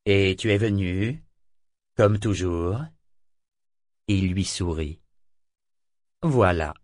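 A man's voice: mid-range voice, unhurried, no echo, pitched above the performer's own voice, close to an everyday voice. A stern pirate captain with a curt, dry way of speaking, as a male narrator plays him. The voice is close and dry, with no room around it.

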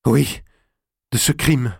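A man's voice: takes it slowly, gravelly, a little mellow, slightly rough, dry recording, studio quality, full character voice. A man playing a devout, resolute young queen, speaking firmly and accusingly in a storybook reading. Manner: firm and accusing, raised high.

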